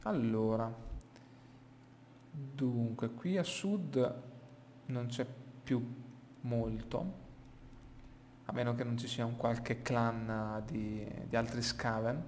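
A man's voice: medium pitch, slow pace, long pauses, a little mellow. A man giving casual gameplay commentary, thinking aloud, recorded in a small, bare, echoey room. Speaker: gaming YouTuber. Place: small room emptied of furniture, indoors. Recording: echoey small empty room, clear background noise.

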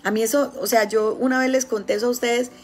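A woman with a Colombian accent giving a casual spiritual talk, telling stories with lively, acted-out quotes. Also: a little high, quick pace, soft background music. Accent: Colombian Spanish. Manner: animated storytelling, acting out quoted voices. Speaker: spiritual healer.

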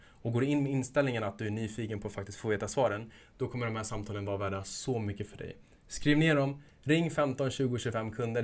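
A young man giving a casual instructional talk as an e-commerce coach, energetic and hyping things up with jokey asides. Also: fairly low pitch.

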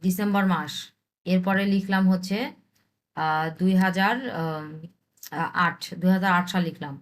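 A young woman from Bangladesh, teaching an online language lesson, repeating examples and reading English lines slowly. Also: on the low side, steady tone. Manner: explains slowly with repeated examples, reads English text haltingly.

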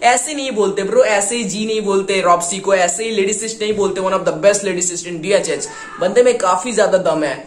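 A man hosting a music reaction video, talking with excitement and mixing Hindi with English slang. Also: sits high, normal speed, reverberant, slight background noise. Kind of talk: casual reaction commentary.

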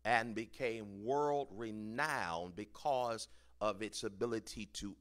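A man preaching a sermon as pastor, leading the congregation in call-and-response and building to shouted peaks. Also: fairly low pitch, takes it slowly.

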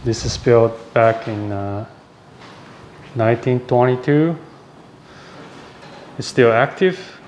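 A young man filming a casual travel vlog outdoors with a phone camera at arm's length, talking in a relaxed way with filler ums. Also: mid-range voice, slow pace, pauses often, a little hiss or hum. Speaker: vlogger. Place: outdoors on town streets and at stations.

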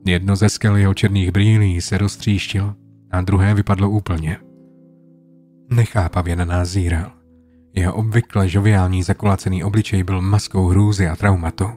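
Deep dark-voiced male horror narrator. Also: level tone. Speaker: creepypasta narrator. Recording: soft guitar music behind.

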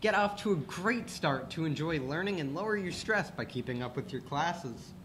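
A man's voice: on the high side, animated, normal speed, a bit bright, slight background noise. A teenage boy anchoring scripted school announcements, with a playful, joking delivery. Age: teens.

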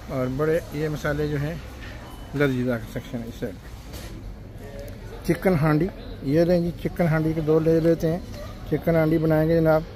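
Chatty man in a noisy shop. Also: on the high side. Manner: chatty, lists prices, says "ji" and "janab". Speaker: vlogger. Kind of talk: casual shopping vlog walkthrough. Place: supermarket aisles.

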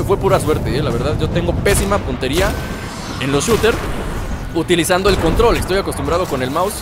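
Brief high, playful male gaming host, music behind. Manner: playful, excitable, jokey asides. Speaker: gaming YouTuber. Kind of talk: casual gameplay commentary.

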